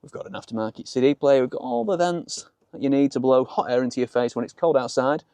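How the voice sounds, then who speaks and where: Speaking quickly in a warm, smooth, medium-pitched voice with no echo, a man from Yorkshire, England hosts a chatty car vlog full of colloquial British slang. He's outdoors around a small open-top car, and the audio picks up plenty of car and outdoor noise.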